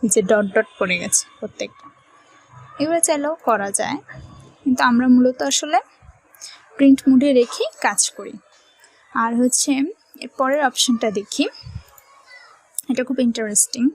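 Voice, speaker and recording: A woman with a Bangladeshi Bengali accent walks through a software lesson step by step. Her voice is fairly high and a little husky, recorded close and dry. She keeps checking in with the viewer as she explains. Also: moderate pace, pauses often, no room sound, low-quality recording. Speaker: computer tutorial teacher. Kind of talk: screen-recorded software tutorial.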